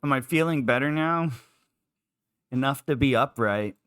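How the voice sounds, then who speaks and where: A man's voice: medium pitch, normal speed, a bit bright, clear, resonant tone, dry recording, studio quality. Unwell male streamer rambling along. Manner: rambling, full of "like" fillers. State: unwell and queasy. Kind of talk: casual live-stream chat.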